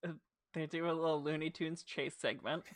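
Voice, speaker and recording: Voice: medium pitch, fairly even intonation, a little fast, no room sound, studio quality. A podcast co-host with a New Jersey accent, chatting casually and retelling scenes with lots of "like" fillers. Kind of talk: casual chat recapping a show.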